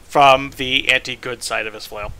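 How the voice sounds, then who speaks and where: A man's voice: medium pitch, steady tone, normal speed, sharp tone, clear, resonant tone. A young man acting as game master, teasing his players and swearing casually at the table. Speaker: dungeon master.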